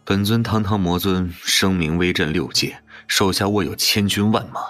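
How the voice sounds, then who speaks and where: A man playing an arrogant male demon lord, raspy, haughty and commanding, with a reverb effect. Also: low-pitched, normal speed, a bit bright, soft background music. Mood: scornful. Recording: long echoing reverb effect.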